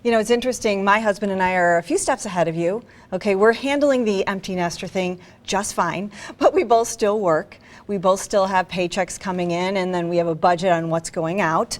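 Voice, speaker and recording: A woman's voice: mid-range voice, fairly quick, hardly any pauses. A woman co-hosting a financial talk show, chatting in a friendly, relatable way and introducing segments. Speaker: co-host.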